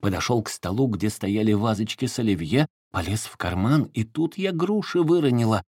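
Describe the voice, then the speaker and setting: A man voicing a sharp-tongued young woman who answers back in a snappy, defiant way. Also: lowish voice, animated, normal speed, no echo, clean studio sound.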